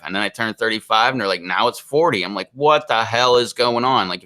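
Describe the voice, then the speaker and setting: A live stream host in his 40s chats casually with viewers, rambling and exasperated, saying "like" constantly. His voice is on the low side, bright and forceful.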